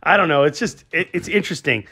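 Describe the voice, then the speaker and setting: A man co-hosting a podcast in loose, casual chat, his voice a little high and bouncing lively up and down. He is excitable and swears freely, breaking into laughs. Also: fast talker, slightly rough. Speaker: podcast co-host.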